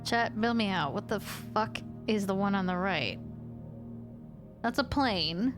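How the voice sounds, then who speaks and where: A woman streamer giving casual commentary as she plays a game, talking to her chat with quick jumps in pitch. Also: over music. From rural United States. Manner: animated, talks to chat, quick swings up in pitch.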